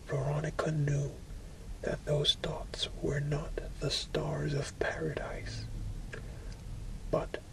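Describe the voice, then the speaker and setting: A person reading a book aloud for ASMR in a soft, breathy whisper, with deliberate phrasing and frequent pauses. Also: mid-range voice, low-quality recording. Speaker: ASMR reader.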